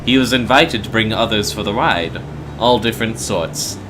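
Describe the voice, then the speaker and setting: A man reading a video game's dialogue as a learned mentor, formal, rhetorical, measured and persuasive. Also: lowish voice, background noise, close to an everyday voice. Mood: earnest, explanatory.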